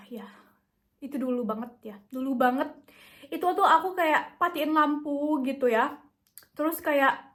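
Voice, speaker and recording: A young woman talking straight to her viewers, coaxing and chatty, and repeating her points for emphasis. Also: sits high. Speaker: self-help vlogger. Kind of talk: motivational talk to camera.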